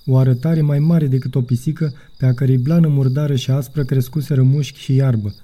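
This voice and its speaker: A man reading a children's audiobook as narrator, in an even storytelling manner. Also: medium pitch. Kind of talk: scripted narration.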